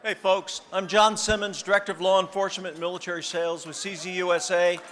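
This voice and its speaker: A man's voice: sits high, little pitch movement, quick pace, a bit bright. A man giving a short, informal product presentation to an audience as a company sales representative. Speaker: company sales director presenting an auction item. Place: large banquet hall at a dinner event. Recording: echoey hall with crowd noise.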